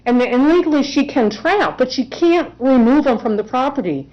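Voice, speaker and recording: A woman with a high, expressive voice speaks at a moderate pace as she represents herself in court. She gives earnest, emotional testimony, captured in a dull lo-fi courtroom recording.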